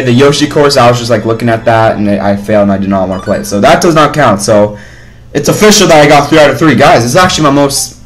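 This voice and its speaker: A young man talks over his gameplay on a headset microphone, swearing freely and getting loud when the game frustrates him. Faint game music sits behind his voice. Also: medium pitch, low-quality recording. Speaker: gaming YouTuber. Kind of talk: casual gameplay commentary.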